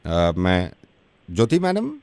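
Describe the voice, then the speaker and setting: A man's voice: sits low, wildly swooping pitch, slow pace, a little mellow, clean tone, dry recording, clean studio sound. A man hosting a radio prank call, playing innocent while he needles the person on the line. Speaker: radio host making prank calls.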